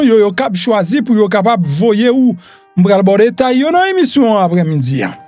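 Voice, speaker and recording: High-voiced Haitian man reading headlines. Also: darkish tone, no room sound. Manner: loose, chatty headline reading with frequent "hein" and "eh bien". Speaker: news host. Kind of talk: news rundown.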